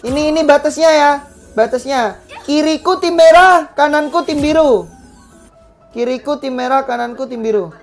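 A woman's voice: sits high, moderate pace, soft background music. A woman hosting a game session, barking repeated commands at players and swearing casually. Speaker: gaming channel host. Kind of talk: live game commentary giving orders to players.

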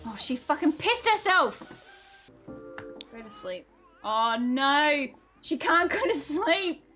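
High, lively woman swearing through a game. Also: takes it slowly, soft background music. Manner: swears a lot, laughs loudly, shrieks with laughter. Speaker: streamer playing a life sim game. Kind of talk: casual gameplay commentary.

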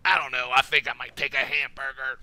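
Quick gag bit: a man playing a thin older woman with a surprisingly deep, gruff voice. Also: little pitch movement, pushed and bright. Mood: offhand. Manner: deep gravelly put-on voice that strains the throat. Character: skinny fifty-something woman with a gruff deep voice.

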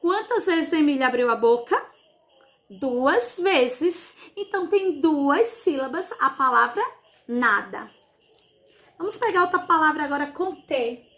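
A woman with a high, bright voice teaches a class of young children for a broadcast lesson. She talks slowly and in a sing-song way, stretching out sounds and asking little questions to keep the kids following. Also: animated. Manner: slow, sing-song teacher talk with diminutives. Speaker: primary school teacher. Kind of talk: televised remote class for children.

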